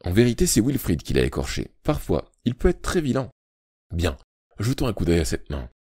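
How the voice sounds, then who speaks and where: A man's voice: lowish voice, sing-song, fairly quick, mellow, slightly rough, no room sound, clean studio sound, pitched above the performer's own voice. A man voicing a bossy, chatty older female school matron who rolls her Rs. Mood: fussing chatty.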